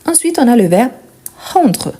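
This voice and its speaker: A woman teaching verb conjugation, repeating each form slowly and clearly and checking in with short questions. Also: a little high, very animated, mellow. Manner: checks in with "ok?" and "bien". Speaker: French teacher. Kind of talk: explaining conjugation.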